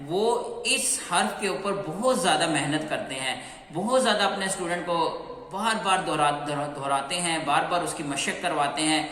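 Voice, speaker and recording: A man teaching Qur'anic letter pronunciation in a patient, step-by-step way, repeating sounds and slowly drawing out each letter. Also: on the high side, bright, forceful tone. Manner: slow, clear, repeats sounds and drawn-out chanted letters. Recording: echoey room with long reverb.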